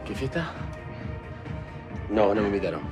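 A man's voice: fairly low pitch, very animated, normal speed. An actor with a Rioplatense Argentine accent playing an aloof, dry young man in a TV comedy-drama, music behind him.

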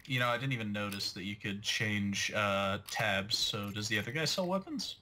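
A man's voice: on the low side, normal speed, sharp tone, a little hiss or hum. A young man commentating a game with a friend, joking, laughing and swearing casually. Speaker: gamer. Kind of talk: let's play commentary. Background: game music.

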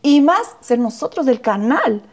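Soft-spoken woman podcast co-host. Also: high-pitched, sing-song, a little slow. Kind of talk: casual conversation.

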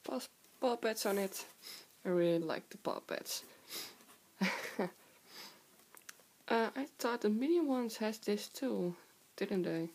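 A young woman with a hoarse, sore-throat voice from a cold, chatting casually in a halting, giggly way as she hosts a show-and-tell vlog. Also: mid-range voice, animated, darkish tone. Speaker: video host. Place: indoor room with wooden floor. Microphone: handheld camera close by.

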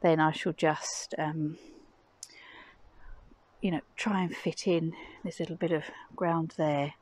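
A middle-aged woman casually narrating a gardening vlog, explaining things in a chatty, low-key way while filming on a phone. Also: a little mellow, dry recording. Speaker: gardening vlogger and parent. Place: garden outdoors and at home.

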